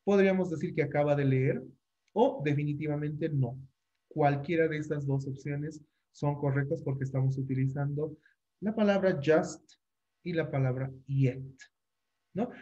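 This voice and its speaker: A man's voice: on the high side, moderate pace, warm tone, muffled recording. A man teaching an online English class in Spanish. He is patient, repeats each phrase and keeps checking with the students.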